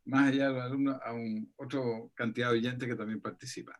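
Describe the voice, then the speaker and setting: Un hombre de tono medio comenta con calma en una clase universitaria virtual. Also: male voice, mid-range voice, fairly quick. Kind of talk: online class remark.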